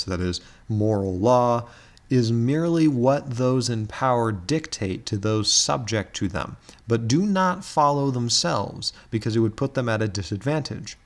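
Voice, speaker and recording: A man talks through scripture in a reflective, conversational way, with chuckles and filler words along the way. His voice sits at a middling pitch for a man, and his tone stays measured and thoughtful. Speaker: author and commentator. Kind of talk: explanatory talk on scripture.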